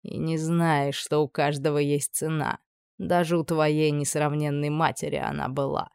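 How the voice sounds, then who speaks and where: A woman's voice: flat delivery, normal speed, vocal fry, darkish tone, clean tone, dry recording, studio quality. A woman doing a purring, menacing male judge. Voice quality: low, purring, insinuating. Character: menacing scheming middle-aged male high judge.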